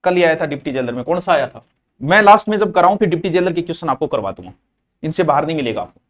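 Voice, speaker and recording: High-voiced grammar teacher. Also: male voice, expressive, rapid-fire. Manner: drills words by repeating them, playful and folksy asides. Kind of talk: classroom lecture.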